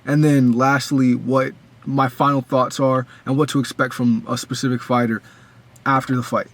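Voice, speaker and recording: A man's voice: medium pitch, flat delivery, normal speed. A young man giving a casual, rambling breakdown of a boxing match as a fan, full of restarts and fillers.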